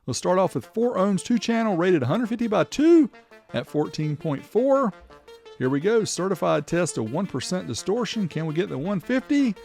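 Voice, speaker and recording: With a high voice that swings widely in pitch, plus vocal fry and a darkish tone, a man hosts a car audio amplifier test video at normal speed. He explains every step and reads out results as he goes, with faint music behind him.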